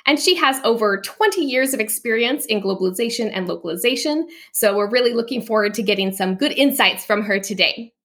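A woman's voice: a little high, animated, fairly quick, few pauses, fairly bright tone. A woman hosting a podcast, giving upbeat introductions and asking questions. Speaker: podcast host. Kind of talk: interview.

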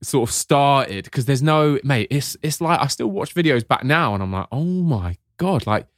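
A man's voice: mid-range voice, lively intonation, moderate pace, no room sound, studio quality. A man co-hosting a podcast in casual chat, easygoing and often calling his friend "mate". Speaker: podcast co-host.

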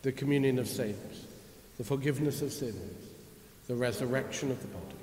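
A man leading a congregation in a measured, steady recitation of the Creed, heard through a cathedral echo. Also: medium pitch. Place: large cathedral. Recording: echoey cathedral with long reverb and faint hiss.

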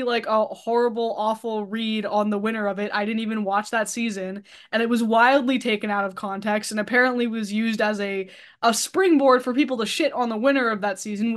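A woman's voice: fairly high pitch, fairly bright tone. Blunt, self-deprecating woman on a podcast. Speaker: podcast guest, YouTuber. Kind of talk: casual podcast chat.

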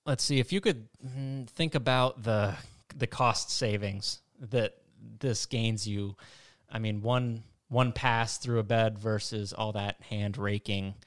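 Smooth-voiced man hosting an interview. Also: fairly low pitch, steady tone, takes it slowly. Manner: straightforward questions, occasional light joke. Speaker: podcast host.

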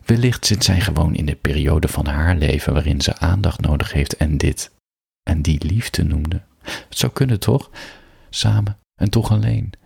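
A young man reading a first-person story aloud, in a blunt, introspective and deliberate way. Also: rumbling low, creaky, darkish tone, slightly rough, no echo, studio quality. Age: young adult. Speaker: narrator.

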